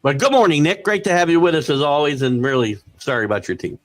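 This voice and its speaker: Man, sports talk host, opinionated, excitable, dry close sound, faint music behind. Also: quick pace, dry recording. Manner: opinionated, excitable, rants with rising pitch. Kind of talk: live sports talk show commentary.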